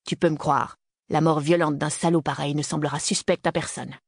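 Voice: medium pitch, fairly even intonation, moderate pace, no echo, studio quality, close to an everyday voice. A reader voicing a stern, graying middle-aged father in an audiobook, speaking in a clipped, commanding way. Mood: grim. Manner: clipped, peremptory delivery. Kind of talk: audiobook character reading.

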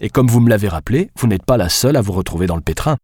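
A sarcastic, mocking man, voiced by a male audiobook reader in his own low register. His delivery is dry and teasing, close to the mic with no room sound. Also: lively intonation, racing, darkish tone, breathy edge, no room sound.

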